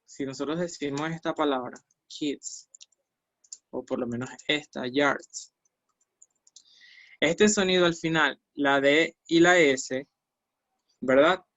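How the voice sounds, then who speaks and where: Guy teaching chinese sounds, talks real slow, bit high, dry mic. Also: fairly even intonation, fairly bright tone, no echo, lo-fi sound. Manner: patient, repeats syllables slowly for students. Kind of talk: online language lesson.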